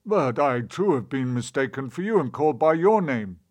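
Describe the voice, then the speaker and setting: A man's voice: mid-range voice, animated, normal speed, pitched above the performer's own voice, natural voice. A man doing a cheerful, friendly good god.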